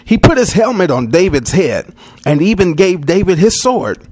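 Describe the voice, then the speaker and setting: With dramatic delivery, a man tells a children's Bible story in a husky voice that's high for a man. His intonation is lively and sweeps widely, and he narrates at a normal speed.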